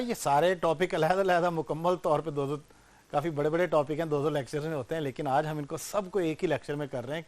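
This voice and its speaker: A man teaching English grammar to students, explaining step by step and checking in often with questions. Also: a little high. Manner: volume rises and falls sharply, slows to stress example sentences. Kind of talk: classroom grammar lecture.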